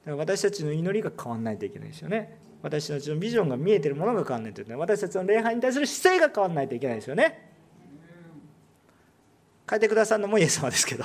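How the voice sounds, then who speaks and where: Man, pastor, Kansai accent, sermon, lively pitch, gravelly, rhetorical questions, loud then hushed. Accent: Kansai Japanese. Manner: animated preaching, swinging between loud emphatic and hushed lines.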